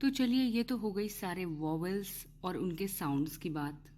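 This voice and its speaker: Woman teacher, lowish voice, patient and unhurried, spells words out letter by letter. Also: dark tone, slight background noise. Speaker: English teacher. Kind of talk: Hindi-language pronunciation lesson.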